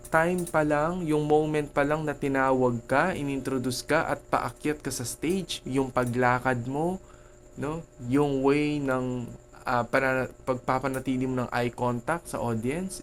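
A man's voice: mid-range voice, fairly even intonation, measured pace. A Filipino man with a Filipino accent, a teacher giving an online lecture in a conversational way, often checking in with "okay?" and "no?".

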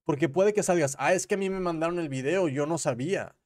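A young man with a Mexican accent and a fairly high, slightly mellow voice gives quick, slangy livestream commentary on news and gossip. He rambles and doubles back to correct himself. He speaks close into a boom-arm desk mic in a small room at home.

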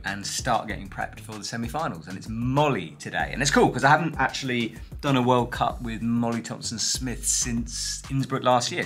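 A man in his thirties, a climbing commentator, talking casually to a camera held at arm's length, chatty and upbeat by day and quieter when tired. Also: fairly low pitch. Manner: chatty and upbeat, flat and tired late at night. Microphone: handheld camera at arm's length.

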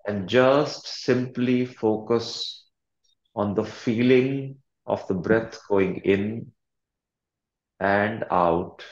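Soothing instructions come slowly and calmly from a man coaching a guided meditation, broken up by long pauses. He speaks at a fairly low pitch in an echoey room, captured with lo-fi sound.

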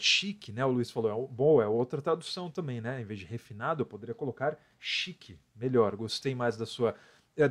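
A man with a Brazilian Portuguese accent teaching an English lesson live, talking with his viewers in a chatty way and reading their comments aloud. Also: medium pitch. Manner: chatty, often ends phrases with "né?", lively emphasis on examples.

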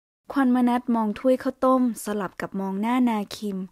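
Romance audiobook narrator, woman, steady unhurried reading, dry close recording. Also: fairly high pitch, no room sound. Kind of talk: storytelling narration of a romance novel.

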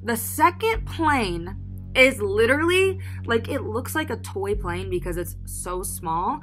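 A woman's voice: fairly high pitch, animated, a little slow, fairly bright tone. A young woman hosting a vlog and telling a story in a chatty, dramatic way with lots of filler words, with music behind her. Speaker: vlog host.

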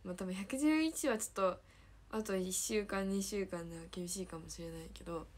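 A woman's voice: mid-range voice, moderate pace. A teenage girl with a Kansai accent chatting casually on a livestream, giggling often and repeating her own phrases as she reads viewer comments. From Hyogo, Japan. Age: teens. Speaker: idol trainee livestreamer.

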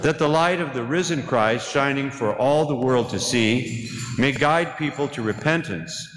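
A middle-aged man, a priest, leading a church service in a measured, solemn liturgical cadence. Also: mid-range voice, a bit bright. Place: large church interior. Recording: echoey church hall with noise.

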